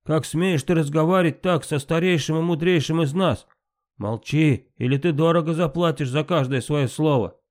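A man reading an audiobook, voicing an angry male war god who shouts threats. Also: a little high, normal speed, voice pushed up, close to an everyday voice.

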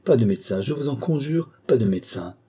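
A man's voice: mid-range voice, animated, fast talker, dark tone, breathy edge, voice pushed up. A man reading an audiobook, voicing a scheming noblewoman who feigns tearful grief in a raised, pleading voice. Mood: anguished pleading.

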